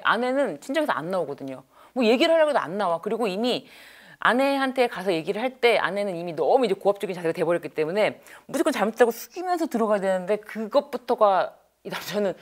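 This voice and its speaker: A woman divorce counselor lecturing, telling a case in an animated, expressive way. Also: mid-range voice. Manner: animated, expressive, acts out quotes. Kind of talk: storytelling lecture.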